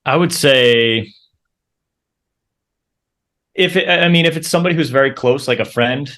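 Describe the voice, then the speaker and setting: A man's voice: medium pitch, moderate pace, fairly bright tone. A man hosting an interview, answering thoughtfully and hedging with frequent ums and maybes. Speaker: host. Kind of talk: casual conversational interview.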